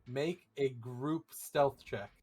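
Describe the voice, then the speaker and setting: A man's voice: mid-range voice, takes it slowly, darkish tone. Game master, male, mid-range voice, talking players through a tabletop scene over faint music. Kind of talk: narrating a tabletop role-playing game.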